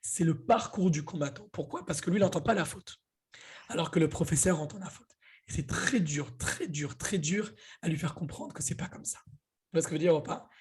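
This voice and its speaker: Husky, lively male Arabic teacher. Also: fairly high pitch. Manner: lively, repeats key points, asks "d'accord?". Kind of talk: online class teaching.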